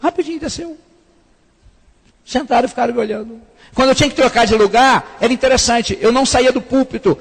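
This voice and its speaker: A man, a pastor, preaching to couples in a lively sermon and acting out the voices of the people in his stories. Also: very high-pitched, fast talker, creaky, husky. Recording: reverberant church hall.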